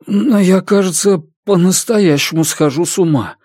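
A man's voice: sits high, normal speed, a little mellow, breathy edge, no room sound, clean studio sound, pitched above the performer's own voice. A man doing a frantic, pleading man in hiding. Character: panicky man hiding out, desperate.

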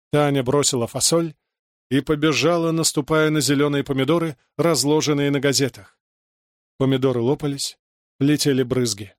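A man narrating a story aloud in a lively, expressive reading style. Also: a little high, no room sound, studio quality.

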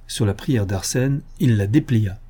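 A man with a lowish, slightly breathy voice narrates an audiobook, delivering scripted narration in a measured, even storytelling style.

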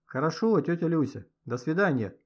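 Male narrator doing an excitable schoolboy, loud and eager, lively husky voice, lo-fi audio. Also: on the high side, moderate pace, pitched above the performer's own voice. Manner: shouting eagerly. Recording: dull lo-fi audio.

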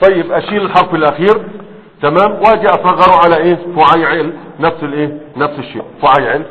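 A man teaching a class in a lecture style, constantly checking understanding with quick questions to his students. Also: a little high, fairly even intonation. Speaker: teacher of Arabic morphology. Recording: tinny phone-like sound with long hall echo.

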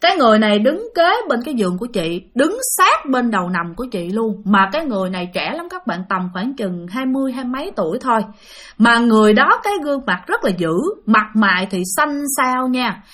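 A woman's voice: on the high side, big pitch swings, fairly quick, a bit bright. A woman with a Southern Vietnamese accent narrating a ghost story in a chatty way, speaking to her listeners directly and repeating words for effect.

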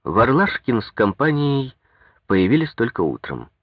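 A man narrating a story in a steady, measured reading on a close mic. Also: medium pitch, slightly rough, no echo. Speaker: audiobook narrator. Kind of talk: scripted narration.

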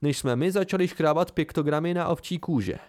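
A man's voice: on the high side, a little mellow, pitched above the performer's own voice, lightly acted. A man voicing an eccentric, easily bored male master with an abrupt, offhand way of talking.

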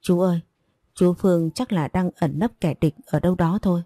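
A woman voicing a grieving seventeen-year-old who pleads and insists, in a low, dark voice. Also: moderate pace, no room sound, clean studio sound, natural voice. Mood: defiant. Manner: pleading, insistent, breaking into denial.

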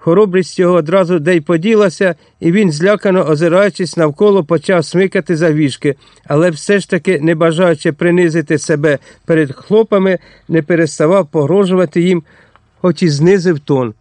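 A man narrating a historical novel in a steady, expressive audiobook reading. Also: a little high, brisk, no room sound.

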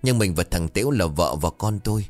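A man voicing a weary village husband who speaks calmly and gently to comfort his wife. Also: sits low, brisk, faint music behind. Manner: calm, consoling.

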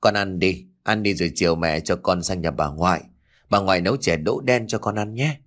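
A man voicing a worried young village wife and mother in a ghost-story audiobook, speaking anxiously and softly. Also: sits low, brisk. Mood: soothing. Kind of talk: audiobook character voice.

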